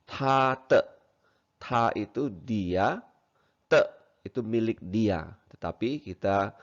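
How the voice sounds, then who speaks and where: A man's voice: lowish voice, darkish tone. A man teaching children a Bible verse, explaining it word by word and adding "ya" often. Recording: dull lo-fi recording.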